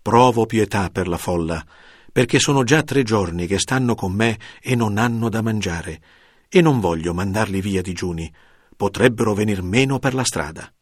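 A man reading the words of Jesus as a calm male teacher in a measured, solemn scripture reading. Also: fairly low pitch, breathy edge, dry recording, clean studio sound.

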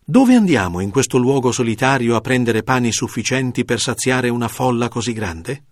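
A man's voice: medium pitch, lively intonation, normal speed, no echo, studio quality, natural voice. A man reading the lines of a puzzled group of male disciples in a plain scripture reading. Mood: questioning.

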